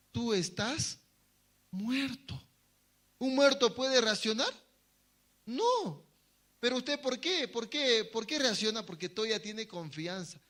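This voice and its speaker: A man's voice: sits high, pushed and bright. A man preaching a sermon to his congregation, asking them questions and answering them himself, sometimes acting out short quoted voices. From Bolivia. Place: church hall.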